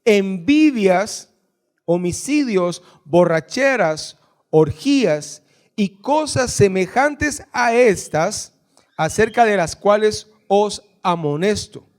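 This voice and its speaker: High-voiced, unhurried Guatemalan pastor. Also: male voice, a little mellow. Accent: Guatemalan Spanish. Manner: reads scripture lists slowly, jokes with the congregation. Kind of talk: sermon. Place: church hall.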